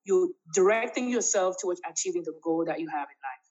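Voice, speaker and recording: A woman's voice: expressive, fast talker, a little mellow. Woman, 50s, interview guest. Emphatic, laughing delivery; slightly dull recording. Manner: emphatic and laughing, swoops up in pitch. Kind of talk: casual interview chat.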